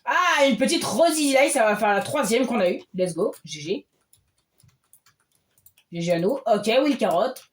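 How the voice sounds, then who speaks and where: A man giving casual gameplay commentary as a streamer, excitable and often bursting into loud cheers. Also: very high voice, a little slow, long pauses. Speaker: game streamer.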